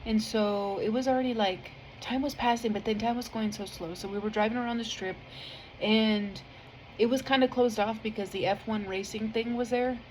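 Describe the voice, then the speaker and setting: A woman's voice: a little high, steady tone, normal speed, a little mellow, a little hiss or hum, rough recording. Earnest woman sharing a heartfelt testimony. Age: adult with a family. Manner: earnest and heartfelt, rambling with many fillers; emotional, easily moved to tears. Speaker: vlogger sharing a faith testimony. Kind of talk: casual spoken testimony.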